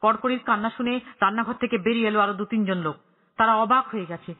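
A man narrating an audiobook in a dramatic storytelling way, voicing characters with excited rises in pitch. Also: fast talker. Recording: tinny phone-like audio.

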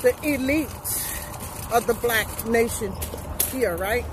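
A woman's voice: on the high side, takes it slowly. A middle-aged woman, talking emphatically into her phone while walking outdoors and asking "right?" again and again. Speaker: vlogger. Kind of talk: casual walking vlog monologue. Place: outdoors on a street. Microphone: phone held at arm's length. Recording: phone audio with street noise. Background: outdoor traffic noise.

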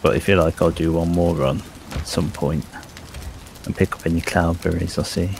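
A very deep-voiced man with a gravelly edge chats lazily through a co-op game session. He is playful and likes to repeat words in a silly voice. A steady hiss of noise sits under his voice. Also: moderate pace. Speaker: co-op gaming partner. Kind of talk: casual gameplay chat.

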